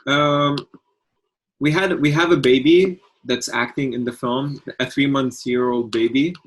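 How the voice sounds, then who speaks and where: A young adult man from Lebanon, a film director and producer, answering interview questions in a halting way with many pauses. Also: mid-range voice, fairly even intonation. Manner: halting, many fillers and restarts.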